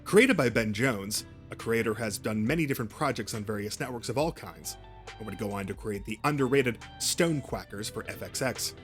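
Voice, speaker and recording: A man's voice: on the low side, animated, a little fast, fairly bright tone, soft background music. A man narrating a history of a cartoon channel, reading a script with small slips and restarts. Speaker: YouTube narrator.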